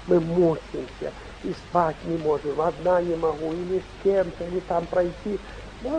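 An older man, in his sixties or beyond, preaching an informal, emphatic sermon with repeated phrases and a raspy voice, speaking at a stand microphone. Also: fairly high pitch, a little mellow, muffled recording, a little hiss or hum. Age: 60s or older. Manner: emphatic, repetitive, acting out short anecdotes and dialogue. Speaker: bishop preaching. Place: stage of a hall, indoors.

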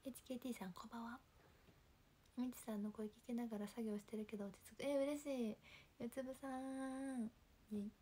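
A young woman with a Kansai accent, chatting casually on a livestream and reading viewer comments in a soft, calm voice that often drops near a whisper. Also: a little high, fast talker, slight background noise. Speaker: livestream host. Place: home.

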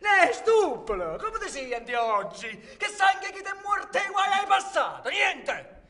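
A man acting a volatile, scornful Neapolitan tough on a theatre stage, with a high, bright, sharp voice that swoops across a wide range. He lurches between shouted taunts and hushed, menacing murmurs. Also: very animated, unhurried, exaggerated voice. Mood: ranting. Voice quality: swings from loud shouting to hushed near-whisper. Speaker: stage actor. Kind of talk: live theatre performance.

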